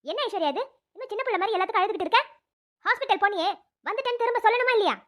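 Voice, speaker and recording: A stern middle-aged camp teacher in a cartoon, played by a woman scolds with authority. The voice is very high-pitched and rapid. She sounds firm and commanding. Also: animated, a bit bright. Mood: scolding. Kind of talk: cartoon voice acting.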